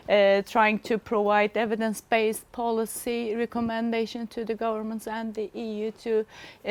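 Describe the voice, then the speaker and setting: A middle-aged woman from Turkey, giving a formal conference presentation as a researcher and pausing often to search for words. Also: fairly high pitch, a little mellow. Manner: halting, searching for words with frequent pauses.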